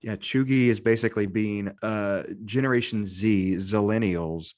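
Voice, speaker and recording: A man co-hosting a casual podcast, joking wryly in a halting, conversational way. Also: fairly low pitch, a little mellow, dry recording, studio quality. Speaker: podcast co-host.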